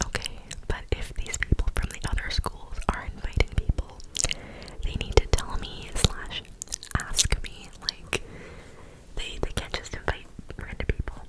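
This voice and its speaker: A woman's voice: a little slow, poor audio. A woman in her twenties whispering breathily through cupped hands close to the microphone, telling a casual, rambling ASMR story. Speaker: ASMR video creator. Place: small bedroom, indoors. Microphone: close desktop condenser microphone.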